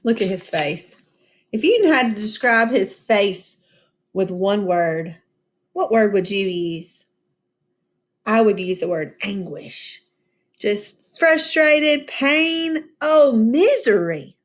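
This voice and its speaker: A woman teacher reading a storybook aloud to children, pausing to ask them questions and explain words. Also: medium pitch. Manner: expressive, asks the children questions, slow and patient. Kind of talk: storybook read-aloud with class discussion.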